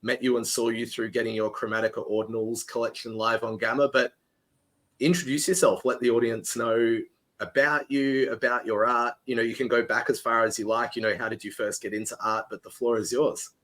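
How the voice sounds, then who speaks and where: A man's voice: mid-range voice, little pitch movement, fairly quick, fairly bright tone. A man hosting an interview, introducing a guest in a friendly way with frequent fillers. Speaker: interview host. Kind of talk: podcast interview.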